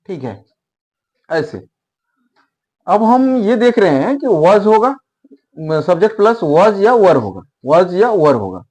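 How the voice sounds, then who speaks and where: A male teacher with a fairly high voice explains grammar at a very slow, patient pace. He repeats each word several times, drilling pronunciations as if for a classroom of beginners. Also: sing-song, a little mellow. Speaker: English teacher.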